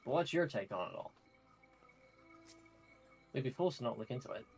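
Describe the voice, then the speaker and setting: A man's voice: medium pitch, sing-song, moderate pace, vocal fry, poor audio. Brief: man voicing a drawling, chatty informant, plain mid voice, music underneath. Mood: folksy. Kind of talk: reading game dialogue aloud.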